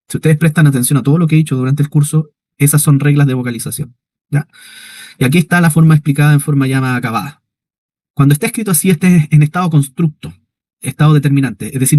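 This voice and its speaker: A man's voice: a little high, warm tone, no echo. A man teaching an online Hebrew class, explaining patiently and often checking whether his students follow. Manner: explanatory, checks understanding with frequent "¿ya?".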